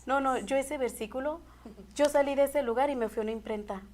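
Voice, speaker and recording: A woman's voice: high-pitched, fairly quick, darkish tone, slight background noise. A woman telling an emotional faith testimony in an earnest, heartfelt way as a guest. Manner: earnest, heartfelt, repeats and restarts phrases.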